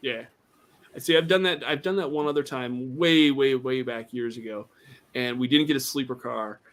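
A man co-hosting a relaxed podcast who talks in a halting way. He trips over his words and repeats himself before getting to the point. His voice sits at an ordinary middle pitch. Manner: hesitant, many fillers and repeats. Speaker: podcast co-host. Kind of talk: casual chat.

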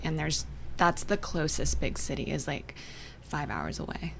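A young adult woman from Canada and Northern California, chatting as an interview guest, soft-spoken and often trailing off into near-whispers. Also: low voice, lively intonation, unhurried, gravelly, a little hiss or hum. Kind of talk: casual interview chat.

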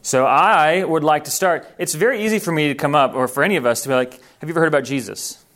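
A man's voice: on the high side, fast talker, a bit bright. A man who grew up in Thailand, giving an earnest, informal training talk to missionaries and correcting himself as he goes.

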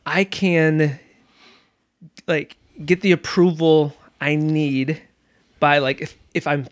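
A man's voice: on the high side, little pitch movement, slow pace. A man in his thirties hosting a podcast, talking casually in a chatty, self-mocking way. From Michigan. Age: 30s. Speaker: podcast host. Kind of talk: casual conversation.

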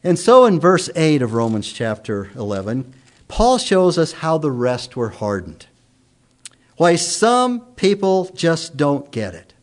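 A man preaching a sermon, stressing points by repeating phrases and slowing down on key lines. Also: on the high side, wildly swooping pitch. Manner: emphatic repetition, slows down for key points. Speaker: pastor.

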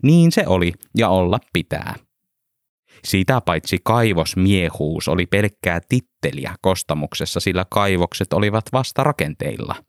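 A man reading a story aloud in calm, measured narration. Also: low-pitched, smooth, no room sound, studio quality. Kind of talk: audiobook narration.

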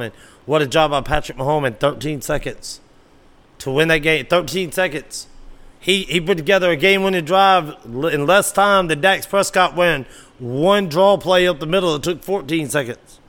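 Hosting a sports podcast by himself, a man speaks at normal speed with a voice on the high side and a fairly bright tone. His delivery is casual and lively, and at times he argues with imaginary listeners.

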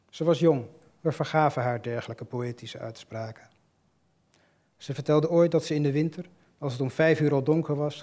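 A man calmly reading a literary short story aloud in a measured, storytelling way. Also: a little high. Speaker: reader. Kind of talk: scripted narration of a short story.

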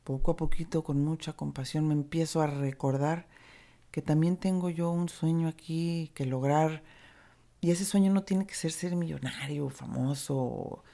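A woman with a Mexican accent giving a reflective motivational talk on recovery, candid and earthy, mixing gentle encouragement with casual swearing. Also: sits low, fairly even intonation, unhurried, gravelly. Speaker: recovery speaker.

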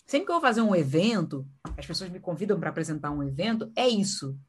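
A woman, a podcast host chatting casually and acting out lively voices when she quotes people. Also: on the low side, fast, slight background noise. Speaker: podcast host and event presenter. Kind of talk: casual conversation.

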